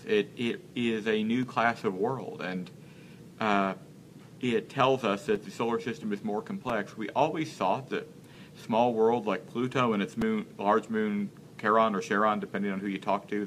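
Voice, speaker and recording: A man in his thirties, an interview guest speaking in a casual live-stream chat, earnest and halting as he searches for words. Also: fairly low pitch, slight background noise. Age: 30s.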